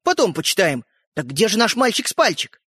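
A woman reader voicing an impatient, hot-headed schoolboy who shouts bluntly at his sister. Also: mid-range voice, very animated, fairly quick, breathy edge, dry recording, studio quality.

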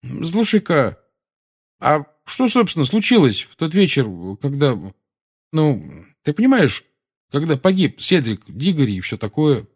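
A man voicing a nervous, hot-tempered teenage boy who shouts in agitation. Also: sits high, huge pitch swings, a little slow, voice pushed up, full character voice.

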